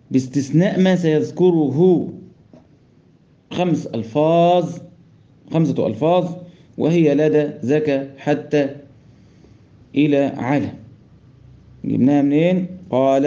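With a warm voice on the high side, an Egyptian-accented man explains Quran recitation rules to his class step by step. He quizzes the students and chants quoted verses, captured in a dull lo-fi recording.

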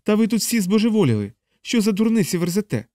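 A man's voice: sits high, very animated, brisk, no room sound, clean studio sound, voice pushed up. A man voicing an anxious, indignant male military chaplain in an audiobook. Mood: indignant pleading. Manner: pleading, indignant, shouting protests.

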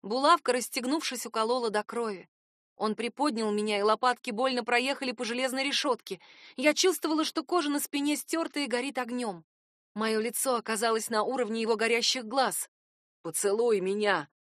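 A woman's voice: fairly high pitch, steady tone, brisk, a bit bright, dry recording, studio quality. A woman narrating a first-person audiobook in a tense, dramatic reading.

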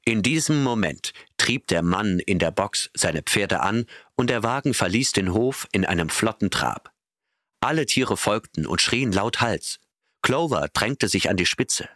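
A man reading an audiobook in a steady, measured narration. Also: on the low side, no echo, clean studio sound. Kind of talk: scripted narration.

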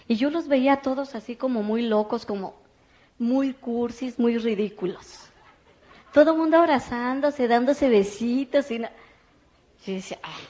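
A woman giving a lively motivational testimony, acting out the voices of the people she quotes. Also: fairly high pitch. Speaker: network marketing speaker.

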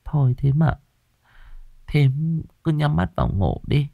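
A man voicing an older woman who gently soothes her sister-in-law. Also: a little high, expressive, slow pace, gravelly, dry recording, pitched above the performer's own voice, full character voice. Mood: soothing. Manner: soft, soothing.

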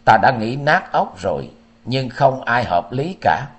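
A man's voice: medium pitch, sing-song, a little slow. A man reading a story aloud, voicing a grieving middle-aged mother who speaks in a choked, sorrowful way. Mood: grave. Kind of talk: storybook narration.

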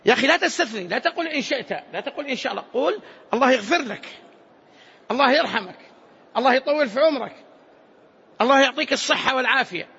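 A man teaching a hadith lesson in a large mosque, lively and acting out pleading voices. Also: very high-pitched, racing, creaky, long pauses, slightly rough. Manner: lively, acts out pleading voices, colloquial asides. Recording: dull lo-fi mosque recording.

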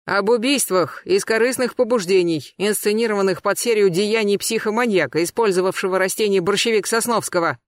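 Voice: medium pitch, dry recording, natural voice. A reader voicing a cold, cutting police colonel. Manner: cold, cutting, deliberately calm. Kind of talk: audiobook character voice.

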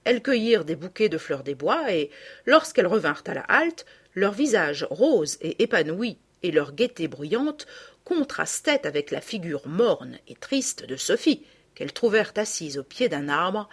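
A woman reading a classic children's story aloud with expressive, animated narration. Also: fairly low pitch, a little slow, slightly rough. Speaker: audiobook reader.

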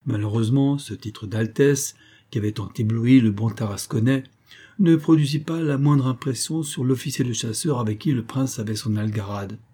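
A man narrating a classic novel aloud in a measured, expressive audiobook reading. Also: mid-range voice, breathy edge. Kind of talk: scripted narration.

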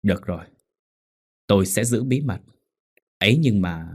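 Audio drama: male narrator voicing a gruff, greedy older healer, low and husky. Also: lively intonation, fairly quick, a little mellow. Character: panicked greedy village healer, older man.

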